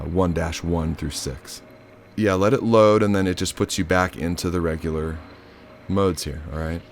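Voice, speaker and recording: A man's voice: deep voice, slight background noise. A man giving a loose, chatty hands-on synth tutorial, cracking offhand jokes and the odd swear word. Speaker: synth module demonstrator.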